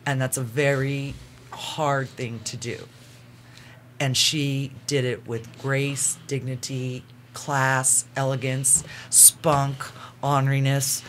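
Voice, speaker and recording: Man, guest storyteller, earnest, halting, mid-pitched, faint background noise. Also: little pitch movement, fairly bright tone. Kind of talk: personal storytelling in casual talk.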